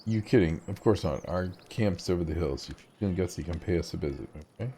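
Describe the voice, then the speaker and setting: A man's voice: deep voice, fast talker, dark tone, a little hiss or hum. A man reading aloud the lines of a boastful male barbarian tribesman from a game, in a proud, brash way.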